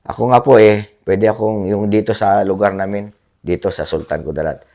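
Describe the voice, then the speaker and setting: Hoarse, deep-voiced man chatting to viewers. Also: fairly even intonation, normal speed, mellow. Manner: polite, frequent tag questions, rambling. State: hoarse from a cough. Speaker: blogger reading viewer comments. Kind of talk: casual livestream-style chat.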